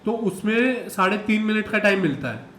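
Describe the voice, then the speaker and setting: Comedian guy on a podcast, pretty high voice, chill and matter-of-fact, echoey room. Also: big pitch swings, normal speed, a bit bright, a little hiss or hum. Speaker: stand-up comedian guest. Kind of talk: casual podcast chat.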